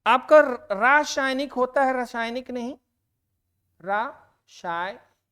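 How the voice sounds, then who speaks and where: For students preparing for exams, a woman teaches grammar in a fairly high, smooth voice. Her pace is slow and measured, and she repeats each answer word with stress.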